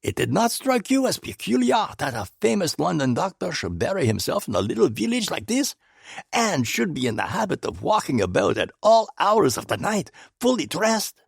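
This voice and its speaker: A man reading in a lifted, animated voice for a shrewd older Belgian detective from a storybook, calm and faintly amused. The tone is gravelly and husky, with wide swings of pitch through each precise phrase. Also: moderate pace, no echo, clean studio sound, full character voice. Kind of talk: audiobook character voice.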